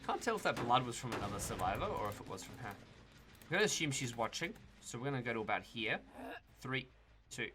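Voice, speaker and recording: A young gaming YouTuber from Tasmania, Australia, talks a little fast in a mid-range voice while commentating on his own gameplay, with music in the background. He is relaxed, talks to himself and the players, and swears mildly now and then.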